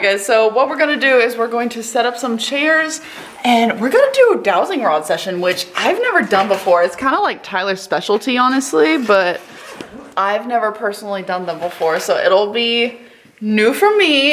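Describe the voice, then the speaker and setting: A woman's voice: on the high side, lively intonation, moderate pace, a bit bright, a little hiss or hum. A woman talking casually and tentatively as she co-hosts a paranormal investigation vlog. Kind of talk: casual ghost-hunt vlog talk. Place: echoey basement of an old jail. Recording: very echoey room.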